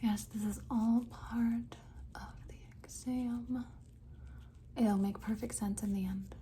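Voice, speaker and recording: A woman doing an ASMR whispered role-play as a face examiner, with fast, repetitive, insistent patter in a breathy, mostly unvoiced whisper close to the mic. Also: a little high, fairly even intonation, dark tone, a little hiss or hum.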